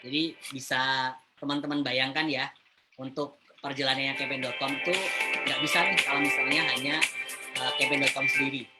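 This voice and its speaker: A man presenting a webinar in a casual, chatty way, often pausing with hesitant fillers as he addresses the viewers. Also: mid-range voice, flat delivery, loud music behind the voice. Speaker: webinar speaker.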